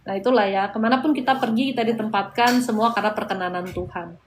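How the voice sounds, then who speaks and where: A woman's voice: mid-range voice, fast, slight background noise. A woman from Bali with a Balinese accent, hosting a live stream and giving casual spiritual advice about prayer, chatty and joking between points. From Bali, Indonesia. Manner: chatty, mixes advice with playful asides and laughs.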